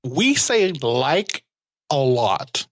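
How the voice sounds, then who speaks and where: A woman's voice: a bass voice, very animated, drawn-out words. A woman from California hosting a podcast, joking and bantering casually with her guest. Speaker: podcast host. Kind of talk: casual chat.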